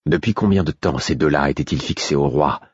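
A man with a very deep, husky voice reading a first-person fantasy novel aloud in a measured, steady way. The recording is dry and close, with a slightly dull, muffled tone. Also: no room sound. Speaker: audiobook narrator.

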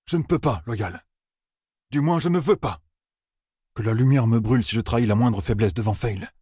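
A stubborn young man, indignant and bristling, voiced by a man reading the tale. His voice climbs higher than the narration and carries a husky grain. The recording is dry and close. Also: normal speed, mellow, dry recording, lightly acted.

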